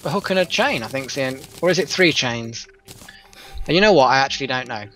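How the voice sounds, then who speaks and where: A man trading exasperated, self-mocking banter with a co-op partner. His voice sits in an ordinary middle pitch. Faint game music plays beneath him. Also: lively intonation, fairly quick, bright, forceful tone. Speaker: gaming commentator. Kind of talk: casual gaming chat.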